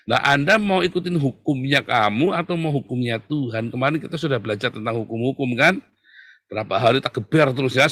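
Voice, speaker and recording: A man preaching a sermon in a colloquial, teasing way, swinging from loud outbursts to near-whispers. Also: mid-range voice. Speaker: pastor.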